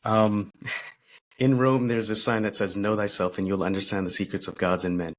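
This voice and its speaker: A man speaking as a podcast guest, reflective and thoughtful, pausing and restarting as he talks. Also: fairly low pitch, steady tone. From United States. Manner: thoughtful, pauses and restarts, laughs softly.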